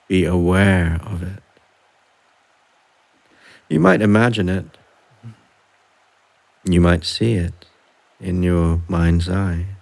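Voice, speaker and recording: Slow, gravelly man guiding relaxation. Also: low voice. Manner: soft, unhurried, long pauses between phrases. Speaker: meditation guide. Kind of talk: guided relaxation.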